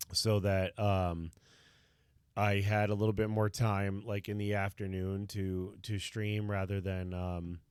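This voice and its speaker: A man in his thirties, a streamer and parent, chatting casually with a slightly hoarse, tired voice, rambling and reflective with many fillers. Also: lowish voice, no echo. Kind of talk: casual live-stream chat.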